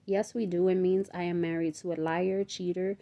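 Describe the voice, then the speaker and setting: A betrayed wife with a dark, gravelly voice, as a woman reads her aloud. She is bitter and sarcastic, and the lines come low in pitch. She sounds like a figure in a storybook reading. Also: little pitch movement, normal speed, lightly acted. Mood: upset.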